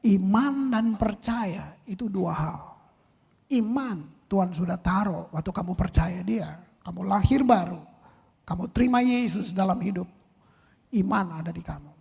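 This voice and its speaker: Gravelly husky man preaching in a hall. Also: high voice, a little slow. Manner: animated, rhetorical questions, swings loud and soft. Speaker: pastor. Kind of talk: sermon. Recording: long reverb in a large hall.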